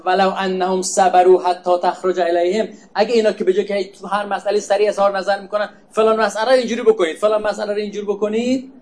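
A man with a notably high voice teaches from sacred verses in a lecture. He explains step by step, posing rhetorical questions and then answering them. At times he repeats a word softly for emphasis. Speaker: preacher. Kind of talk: religious lecture on Quran verses.

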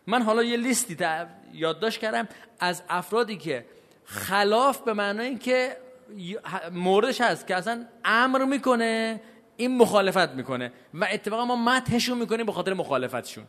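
A man from Iran giving a religious lecture to a live audience. He asks the listeners questions and answers them himself, and he moves between slow, stressed points and quick asides. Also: high-pitched. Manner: pace and loudness swing widely, from slow stresses to quick asides. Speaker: cleric giving a religious talk. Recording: long hall reverb.

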